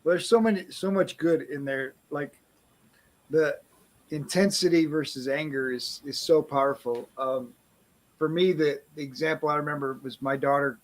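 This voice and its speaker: A man's voice: a little high, fairly even intonation, moderate pace. A male host responding thoughtfully in conversation, hesitating with fillers as he gathers his thoughts.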